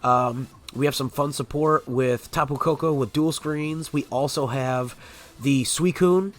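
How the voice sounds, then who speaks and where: A man's voice: mid-range voice, a little slow. Stuffy-nosed man hosting gameplay videos. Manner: frequent filler words, upbeat and chatty. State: stuffed up from a cold. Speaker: competitive Pokemon video host. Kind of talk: casual gameplay commentary.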